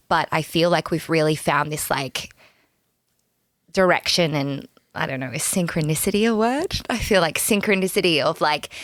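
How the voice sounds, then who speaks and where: A woman's voice: low voice, fairly bright tone, no room sound. A young woman, a musician guest on a podcast, chatting casually and bubbly, laughing often. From Australia.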